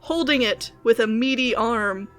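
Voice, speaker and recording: A woman's voice: a little high, unhurried, faint music behind. A woman narrating a tabletop game as game master, descriptive and playful. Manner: descriptive and playful, laughs often.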